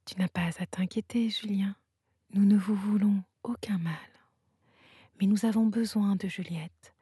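A woman voicing a gentle, wise female unicorn in a whispered role-play, soft and teasing in tone. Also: mid-range voice, fairly even intonation, measured pace, breathy edge, no echo, clean studio sound. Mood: reassuring.

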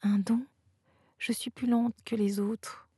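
A woman's voice: fairly high pitch, flat delivery, slow, warm tone, slightly rough, no echo, full character voice. A woman voicing a shy, dreamy little girl in a whispered role-play, hesitant and timid.

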